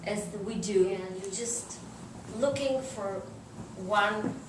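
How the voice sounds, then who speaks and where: In an informal interview, an Israeli-accented journalist in middle age recounts personal anecdotes from an armchair in a living room, pausing often to find words in English, which isn't her first language. Her voice is mid-range. A camera microphone at a distance gives a roomy, noisy recording.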